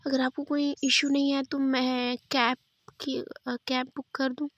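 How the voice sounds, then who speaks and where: A woman's voice: sits high, little pitch movement, unhurried, fairly bright tone, no room sound, lo-fi sound. Woman voicing worried, irritable young Aaradhya. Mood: concerned polite. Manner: polite but exasperated.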